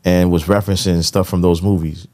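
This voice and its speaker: Brisk and low-pitched, this middle-aged man keeps his pitch fairly flat and his tone darkish, with no echo. A music industry veteran co-hosting a podcast, he chats in slang and keeps checking in with "you know what I'm saying."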